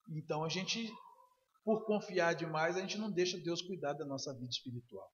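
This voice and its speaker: A man preaching a sermon to his congregation, dramatically acting out quoted dialogue and often asking for agreement. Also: high-pitched. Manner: dramatic storytelling, acting out quoted dialogue with big swings in loudness; asks the congregation for agreement with frequent "né?". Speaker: pastor. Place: church sanctuary. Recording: muffled recording in an echoey hall.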